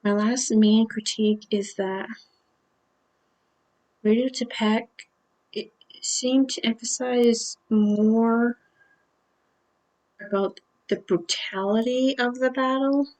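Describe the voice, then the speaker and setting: A woman's voice: mid-range voice, darkish tone, rough recording. A woman hosting a music reaction video, talking through her thoughts in an earnest, apologetic way. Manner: earnest and apologetic, thinking aloud. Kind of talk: casual music reaction commentary.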